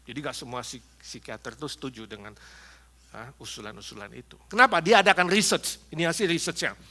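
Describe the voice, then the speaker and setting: A man preaching a sermon to a congregation, animated and humorous, acting out little quotes as he goes. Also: mid-range voice, fairly quick, a little hiss or hum. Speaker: pastor. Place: church in Los Angeles.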